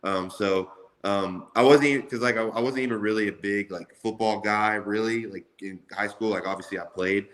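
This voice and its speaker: A man's voice: fairly low pitch, fairly even intonation, normal speed, fairly bright tone. A man in his twenties chatting casually in an interview as a college football player, with a loose, slangy way of talking. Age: 20s. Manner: loose, slangy, repeats "like" often.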